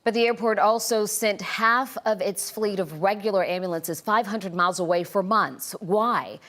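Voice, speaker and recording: A woman's voice: mid-range voice, moderate pace, fairly bright tone. An American woman anchoring the news, reading a scripted investigative exposé lead.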